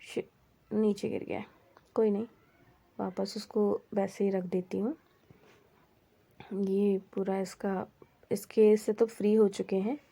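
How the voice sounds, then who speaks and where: Slow-talking woman vlogging at home. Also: medium pitch, little pitch movement, creaky, warm tone, a little hiss or hum. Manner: slow, homely, chatty walkthrough. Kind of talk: casual home vlog narration. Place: home indoors.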